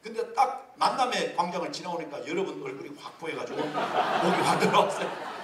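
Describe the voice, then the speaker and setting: High, lively Korean pastor preaching. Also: male voice, quick pace, very noisy. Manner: lively, humorous, rhetorical questions. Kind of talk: sermon at a leaders' retreat. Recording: echoey hall from far off.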